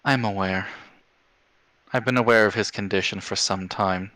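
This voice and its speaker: A man's voice: lowish voice, fairly even intonation, normal speed, sharp tone, no echo. A man voicing a stern, resolute archmage headmaster with a formal, grave manner in a tabletop game.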